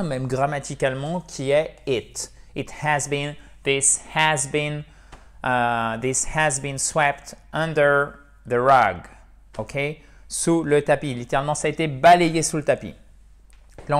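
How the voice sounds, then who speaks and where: Man teaching English, chatty. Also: fairly high pitch. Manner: lively, repeats words slowly, asks ok?. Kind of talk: casual video lesson.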